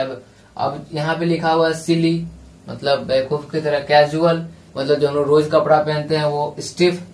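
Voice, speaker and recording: A male exam prep teacher explaining a lesson, reading English lines slowly and spelling words letter by letter. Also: fairly high pitch. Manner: reads English passage slowly, drawn out. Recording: echoey room, voice from a distance.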